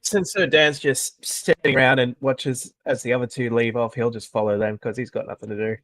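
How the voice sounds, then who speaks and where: A man's voice: mid-range voice, steady tone, fairly quick, a bit bright. Matter-of-fact man in a tabletop game. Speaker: player. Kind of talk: tabletop game play, describing his character's actions.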